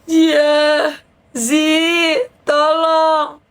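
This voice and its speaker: A woman's voice: high-pitched, completely flat delivery, extremely slow, voice pushed up, heavily acted. Woman doing a frantic, pleading rich friend.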